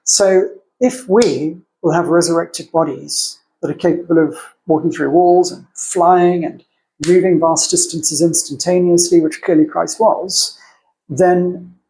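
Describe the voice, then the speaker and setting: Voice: mid-range voice, steady tone, measured pace, dark tone, slight background noise, low-quality recording. A podcast co-host in a casual theological discussion, thinking aloud in a discursive way and acting out opposing arguments.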